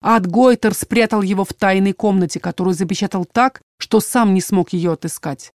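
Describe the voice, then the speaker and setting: A woman narrating a first-person fantasy audiobook in a measured, expressive way, on a close mic. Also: medium pitch, no room sound.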